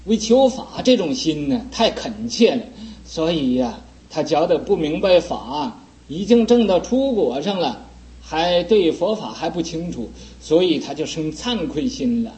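A man, a Buddhist teacher, lecturing on a sutra in an earnest voice and gently scolding and teasing his listeners. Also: a little high, sing-song, measured pace, poor audio.

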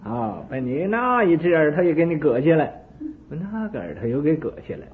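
Male preacher, sermon storytelling, animated, loud-soft swings, fairly high voice, phone-line sound. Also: a little fast, gravelly. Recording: narrow phone-like band.

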